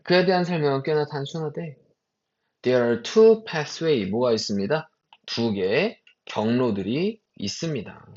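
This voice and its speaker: A man teaching an English exam passage as a lecture, reading English phrases slowly with stress and asking his students quick rhetorical questions. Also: mid-range voice, expressive, a little mellow. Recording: dull lo-fi recording.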